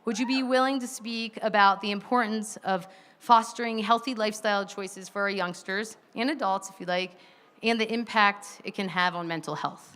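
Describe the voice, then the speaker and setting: A woman's voice: mid-range voice, normal speed, a bit bright. A woman moderating a live stage panel, introducing guests and asking questions in an upbeat, emcee-like way. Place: stage at a live outdoor event.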